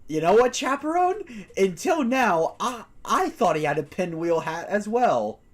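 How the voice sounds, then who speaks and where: A woman's voice: medium pitch, sing-song, measured pace. A woman streaming a game, chatting casually and playfully with her viewers. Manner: chatty, playful, addressing chat. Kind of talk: casual chat while gaming. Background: game music.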